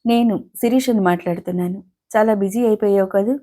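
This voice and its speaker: A woman reading as a soft-spoken teasing elder sister. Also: mid-range voice, fairly quick, lightly acted. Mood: reproachful. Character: gentle elder-sister woman, witty, calm, affectionate.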